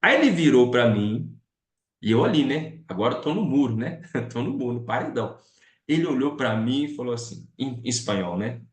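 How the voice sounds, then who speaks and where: A man's voice: mid-range voice, expressive, moderate pace. A man, a pastor, telling stories as he teaches a missions class, chatty and often asking his listeners questions. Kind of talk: storytelling lesson. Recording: roomy echo.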